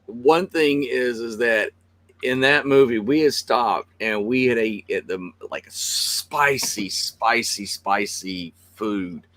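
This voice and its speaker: A man co-hosting a casual podcast, an animated storyteller who laughs often. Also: mid-range voice, slow. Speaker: podcast co-host.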